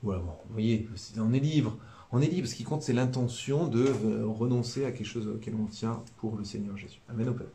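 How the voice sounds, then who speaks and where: A man's voice: lowish voice, fairly quick, mellow, slight background noise. A man with a Southern French accent giving a casual spiritual talk, rambling and hesitant, full of fillers and repeated words. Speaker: religious brother giving a live talk.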